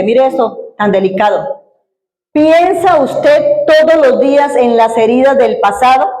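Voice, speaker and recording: A woman pastor preaches in a fairly high voice. She tells her story earnestly and acts out the dialogue. The sound bounces around a roomy church hall. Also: a little mellow. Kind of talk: sermon.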